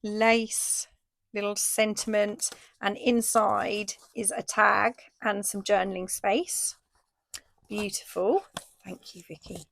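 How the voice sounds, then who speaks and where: A woman from the UK, a craft shop owner chatting through a casual video update and an unboxing, says she is losing her voice and gets excited over each item. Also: medium pitch, slow pace, vocal fry, a little hiss or hum. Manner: chatty, enthusiastic, frequent ooh and fillers.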